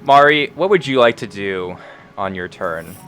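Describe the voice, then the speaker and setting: A man with a low voice narrates a tabletop role-playing game as game master. Music plays behind him. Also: animated, unhurried, a bit bright.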